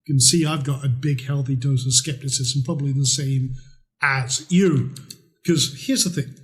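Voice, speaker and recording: A middle-aged man from Scotland, presenting a trading course in a conversational sales pitch, chatty and blunt with mild swearing. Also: fairly even intonation, normal speed.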